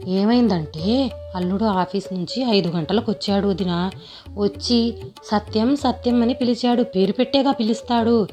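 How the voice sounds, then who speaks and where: A woman doing a gossiping older village mother, complaining, mid-pitched, faint music behind. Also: moderate pace, a little mellow, close to an everyday voice. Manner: chatty, complaining storytelling.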